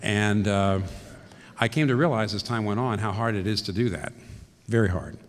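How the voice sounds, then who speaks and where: A man, a pastor, giving a reflective teaching talk and clearing his throat now and then. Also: on the low side, moderate pace, long reverb tail.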